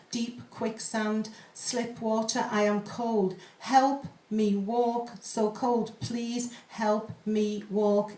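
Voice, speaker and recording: Slow, measured woman reciting poetry, echoey room. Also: mid-range voice, a little mellow, distant mic. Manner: deliberate, pausing between short phrases. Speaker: poet at an open mic. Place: live open mic room.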